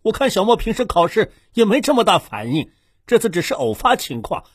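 A man's voice: high voice, sing-song, brisk, slightly rough, no room sound, clean studio sound, full character voice. A man doing a doting old grandpa. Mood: soothing. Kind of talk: comic family audio drama.

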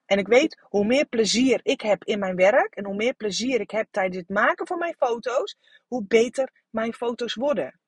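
A woman in her thirties hosts a candid solo podcast, speaking frankly, coaching her listeners and swearing casually amid many fillers and restarts. Her husky voice sits on the high side, animated, at a normal speed. The recording is dry.

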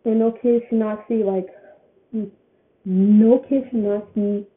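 Taking her time in a steady, mid-range voice, an eighteen-year-old woman offers her views in a relaxed vlog. She rambles and frequently repeats herself, and the audio has a thin, phone-like tinniness.

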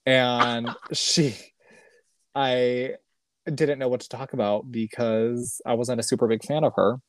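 A man chatting on a casual podcast in an easygoing, rambling way. He drawls out his words slowly, laughs often and leaves sentences half-finished. His voice sits at an ordinary middle pitch. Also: little pitch movement, dry recording. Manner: rambling, giggly, trailing off mid-thought. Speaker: podcast co-host. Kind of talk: casual chat.

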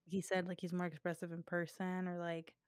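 A young woman with a fairly low voice chats loosely on a podcast, full of "like" fillers and quick asides. She is coughing and breathing hard into the mic. The sound is close and dry. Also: completely flat delivery, clear, resonant tone, no room sound. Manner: chatty, fillers like "like", laughs often. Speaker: podcast co-host. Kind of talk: casual chat.

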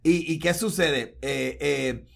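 A man, co-hosting a casual film review podcast, animated and slipping English words into his talk. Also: fairly high pitch, slow, gravelly. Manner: animated, mixes English into Spanish, many restarts. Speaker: podcast co-host.

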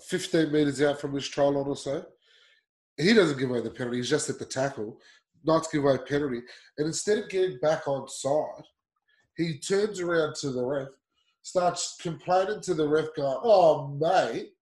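A man's voice: fairly high pitch, darkish tone, reverberant, low-quality recording. Blunt man ranting about sport. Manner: blunt, swearing, heated ranting. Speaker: sports show host. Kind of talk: casual sports talk.

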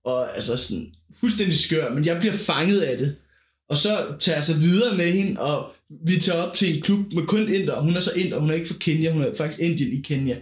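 A man's voice: on the high side, roomy sound. A man hosting a podcast, telling a long, rambling story in casual chat and often searching for words. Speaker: podcast host.

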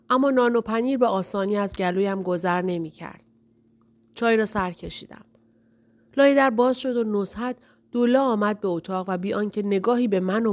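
A woman reading a first-person novel aloud in a quiet, reflective way. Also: medium pitch. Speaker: narrator. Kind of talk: audiobook narration.

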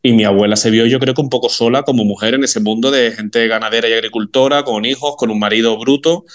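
Guy from chatting bluntly on a podcast, frank and direct, average pitch. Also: fairly even intonation, quick pace. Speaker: podcast co-host. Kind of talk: casual podcast chat.

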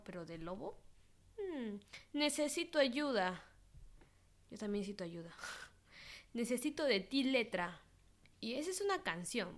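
A woman's voice: on the high side, fairly bright tone. A young woman, casually reading out search suggestions and adding playful, wry asides as a vlogger.

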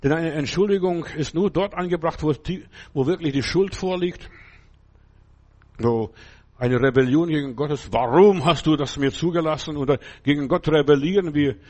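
A man's voice: on the high side, darkish tone. An older man preaching a sermon in a conversational, emphatic way, often asking his listeners whether they understand.

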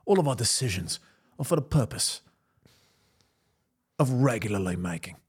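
A man's voice: medium pitch, normal speed, breathy edge. A man co-hosting a podcast, joking in casual chat. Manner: animated, jokey. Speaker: podcast co-host.

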